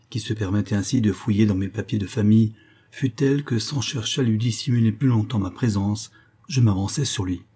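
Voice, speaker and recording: A man narrates a classic detective tale in the first person with measured, steady pacing. His voice sits low, with a dark, mellow color. A husky grain runs through every line. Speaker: audiobook narrator.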